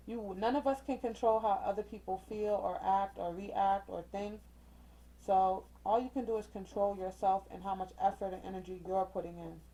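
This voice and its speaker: A woman with a mellow, darker tone runs a casual card reading at home, talking straight to her viewers. She is chatty and encouraging, and she keeps checking in with a quick "okay?". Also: medium pitch, rough recording. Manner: chatty and encouraging, uses slang and mild cussing substitutes. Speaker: tarot reader. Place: indoors with a ring light.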